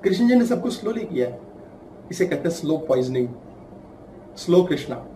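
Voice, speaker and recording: A man teaching a class in a lively way, stretching out words and acting out little voices. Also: a little high, echoey room, far from the mic, slight background noise, low-quality recording. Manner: animated, acts out voices and drawn-out words. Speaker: spiritual teacher. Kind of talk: talk to a class. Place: class room.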